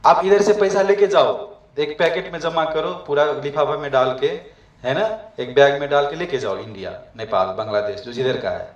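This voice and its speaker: This Nepali preacher's voice is a little high, with a moderate pace, and the recording has its highs cut off. He delivers a devotional talk to migrant workers gathered in a room abroad, frequently questioning his listeners. The audio is echoey and captured from a distance.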